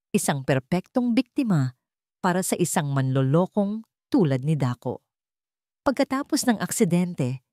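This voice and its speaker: A woman with a Filipino accent narrates a scripted dramatic story in a fairly low, slightly mellow voice. The recording is dry, with clean studio sound.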